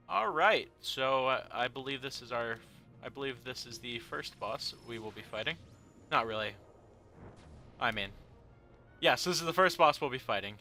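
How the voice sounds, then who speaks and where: A man's voice: mid-range voice, pushed and bright. A young man giving casual, rambling commentary on a video game he is playing, with joking asides and many fillers. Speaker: let's play host. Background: game music.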